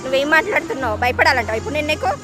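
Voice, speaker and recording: A woman's voice: high-pitched, expressive, very fast, over loud music, over a noisy crowd. A woman on a street, scolding and challenging a man in a prank confrontation. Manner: sharp and scolding. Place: outdoors on a street.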